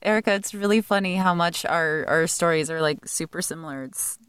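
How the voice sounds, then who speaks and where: A woman voice actress chatting about her start in voice acting, self-deprecating and animated. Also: fairly low pitch, fairly quick, smooth. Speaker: voice actress guest. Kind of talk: casual interview storytelling.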